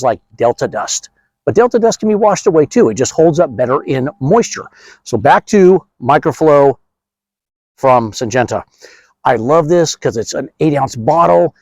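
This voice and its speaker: A man's voice: medium pitch, a little mellow, no echo. Chatty man demoing pest control. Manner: chatty, joking, direct to the viewer. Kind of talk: casual how-to demonstration.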